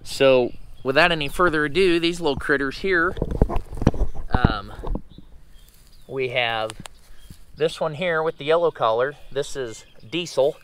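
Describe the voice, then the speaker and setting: A man with a slightly hoarse voice, recovering from losing it, gives a casual vlog update in a folksy, halting, unhurried way. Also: on the high side, fairly bright tone, a little hiss or hum. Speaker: truck owner and vlogger.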